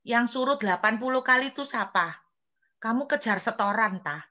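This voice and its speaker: A woman's voice: on the high side, animated, moderate pace, sharp tone, dull audio. A woman preacher voicing God as a stern but teasing divine figure who scolds with wry questions. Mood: teasing reproach.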